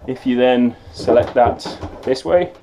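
A man's voice: mid-range voice, measured pace. A man in his forties giving a casual, matter-of-fact walkthrough of a small yacht's cabin, filmed on a close handheld camera in a cramped space. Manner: matter-of-fact, practical, with frequent ums. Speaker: sailor giving a boat tour. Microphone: handheld action camera close up. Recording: close camera mic with handling clicks and noise.

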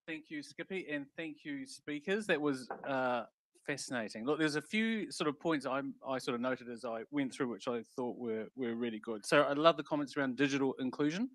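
A man's voice: medium pitch, lively intonation, normal speed, a bit bright, dry recording, poor audio. Man hosting a panel: upbeat and chatty, handheld mic, dry sound. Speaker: panel moderator. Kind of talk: panel discussion. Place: conference stage with audience.

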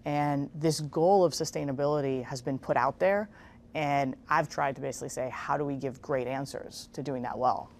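Low, gravelly woman explaining steadily. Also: steady tone, a little hiss or hum. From Israel. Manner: measured, explanatory, with casual fillers. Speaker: guest, investment executive. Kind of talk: TV interview. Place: large bright room with garden windows. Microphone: lapel mic.

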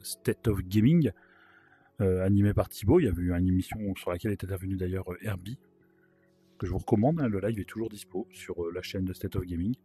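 Hoarse, low-key man commenting on a game. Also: fairly quick, warm tone, faint music behind. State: sick with sore throat, worn-out hoarse voice. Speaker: gaming video host. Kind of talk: casual video game playthrough commentary.

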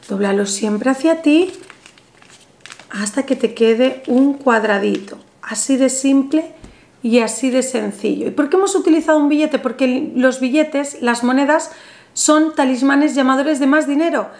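This is a guided money ritual from a spiritual channel host in her thirties, filmed with the camera in front of her as she sits at a table in a small, bright room. Her voice is high-pitched, and she speaks calmly and soothingly, instructing viewers directly.

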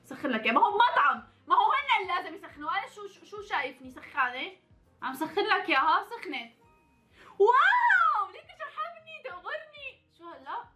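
A young woman with a Levantine Arabic accent rattles off playful commentary in a high, bright voice. She talks fast and teases her viewers. She keeps breaking into mock-angry outbursts, with faint music underneath. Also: very animated. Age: 20s. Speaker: vlogger.

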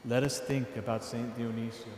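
A priest in his thirties gives a sermon from the lectern of a large church, pacing his phrases slowly and earnestly. His voice sits at an ordinary middle pitch. Long reverb fills the hall, with a faint room hum behind him, recorded from a distance. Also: flat delivery, darkish tone. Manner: measured, earnest preaching with slow emphatic phrases.

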